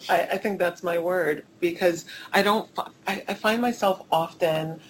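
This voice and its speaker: A woman's voice: fairly low pitch, moderate pace, a little hiss or hum, poor audio. A woman giving conversational, emphatic answers as an interview guest, repeating phrases for stress. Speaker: guest, school admissions consultant.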